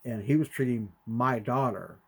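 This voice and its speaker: Animated storytelling man. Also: medium pitch, normal speed, husky. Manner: animated, acts out quotes with sudden loud jumps. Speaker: podcast co-host. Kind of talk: conversational storytelling.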